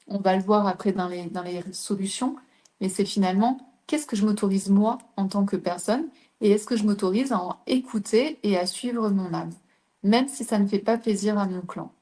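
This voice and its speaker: Woman with a mellow voice explaining gently. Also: mid-range voice, normal speed. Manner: explains with examples, checks in with "d'accord". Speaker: host. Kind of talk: casual explanatory talk.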